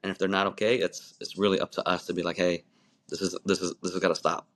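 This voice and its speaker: A man in his forties with a deep, fast, slightly bright voice and a level tone is a guest on a podcast. Born in Malaysia and raised in the United States, this wrestling referee tells his story in a loose, rambling way, restarting often and laughing easily in casual interview storytelling.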